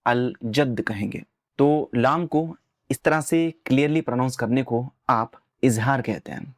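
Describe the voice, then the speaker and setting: A man hosting an Arabic lesson in Urdu, patiently explaining pronunciation and sounding out letters slowly one by one, with an Urdu accent. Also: medium pitch, dry recording, studio quality. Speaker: Arabic teacher and channel host.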